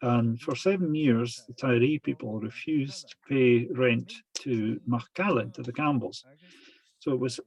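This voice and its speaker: Slow, halting man lecturing, slightly husky. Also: medium pitch, a little mellow, rough recording. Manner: halting, deliberate delivery. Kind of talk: lecture retelling traditional tales.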